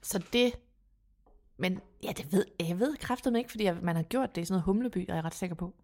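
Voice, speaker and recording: A woman's voice: on the low side, a little mellow. A woman chatting informally and colloquially as a podcast host. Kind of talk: casual gossip chat.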